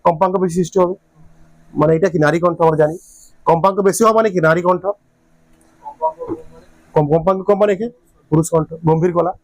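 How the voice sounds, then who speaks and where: High-voiced male physics teacher, dry sound. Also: steady tone, fast, pauses often, dry recording. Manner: drills students with repeated questions, checks understanding often. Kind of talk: classroom lecture. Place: classroom.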